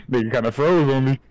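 Slangy man gamer, animated mid voice. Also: mid-range voice. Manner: casual slangy banter, laughing, cursing. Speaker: co-op gaming partner. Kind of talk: co-op horror gameplay chat.

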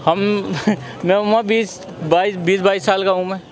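Young man in his twenties, high voice. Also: steady tone, a little slow, a crowd in the background. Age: 20s. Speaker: interviewee. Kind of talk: street interview. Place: outdoors in a park. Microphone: handheld mic held by interviewer.

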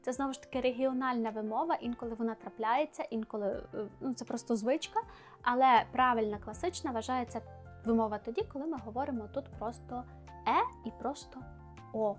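Жінка-викладачка, що чітко вимовляє звуки. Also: female voice, a little high, faint music behind. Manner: clear, patient, demonstrative, repeats sounds slowly. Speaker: Polish language teacher. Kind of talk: explaining pronunciation to camera.

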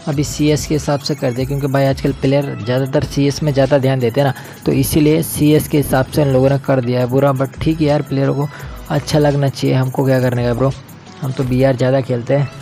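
A young man talks through a shooter game in a relaxed, chatty way, peppering his lines with slang and friendly asides to his viewers. His voice sits at an ordinary middle pitch, with faint game music and gunshots underneath. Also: fast, gravelly. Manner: chatty, slangy, keeps calling viewers brother. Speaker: gaming channel host. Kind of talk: casual gameplay commentary.

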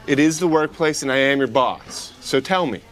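A man's voice: medium pitch, normal speed, fairly bright tone, close to an everyday voice. An actor playing a pushy, childish, shameless male office boss in sketch comedy, insistent and petulant. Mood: smug, pushy.

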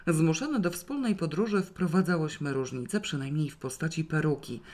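A reader narrating a novel in the first person, with a wry, lively storytelling manner. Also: medium pitch, normal speed. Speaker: audiobook reader.

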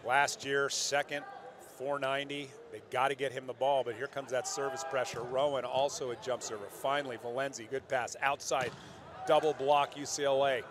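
An older man doing lively play-by-play sports commentary, excitable and joking as he calls the action. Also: mid-range voice, background noise. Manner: excitable, jokey, quick corrections. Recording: broadcast commentary over loud arena crowd.

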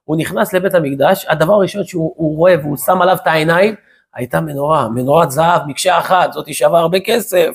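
A man preaching as a rabbi, telling a story in a lively way and acting out the voices of its characters. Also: fairly high pitch, vocal fry, husky. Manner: animated storytelling, acts out quotes. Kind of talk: sermon.

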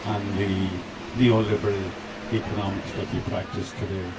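A man's voice: deep voice, little pitch movement, moderate pace. Earnest man speaking outdoors. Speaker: tour speaker. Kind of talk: outdoor speech to a crowd. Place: outdoors in a city street. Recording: distant outdoor recording with street noise.

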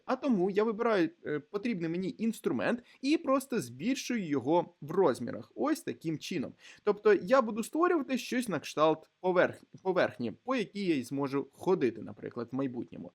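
A man teaching a screen-recorded programming tutorial, explaining step by step with hesitant fillers and restarts. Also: high-pitched. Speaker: programming instructor.

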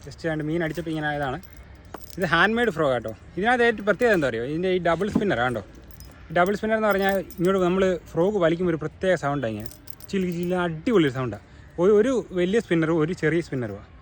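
A man's voice: a little high, lively intonation, fast talker, slight background noise. A man with a Kerala Malayalam accent giving casual outdoor vlog commentary, mixing English words into his Malayalam. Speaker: fishing vlog host. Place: outdoors on a river.

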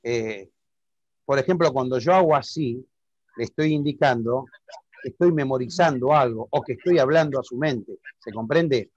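A man's voice: mid-range voice, normal speed, darkish tone, no echo, dull audio. A man with an Argentine accent teaching public speaking in an online lesson, explaining step by step and often checking that the listener understands. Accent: Argentine Spanish.

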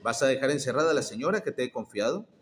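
A man's voice: mid-range voice, animated, very fast, a little hiss or hum, natural voice. A man reading as a menacing ghoul. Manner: gruff, threatening. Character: menacing male ghoul husband.

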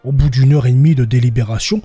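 A man narrating historical court testimony for a podcast, voicing the quoted villagers a little higher and stumbling now and then. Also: steady tone, fast talker, dark tone, husky, faint music behind. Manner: reads quoted villagers with raised pitch, slips and restarts.

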